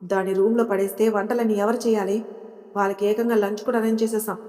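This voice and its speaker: A woman's voice: mid-range voice, little pitch movement, quick pace, warm tone, big-room sound, natural voice. A woman voicing a strict, impatient middle-aged mother who scolds her daughter, in a storybook reading. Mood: scolding.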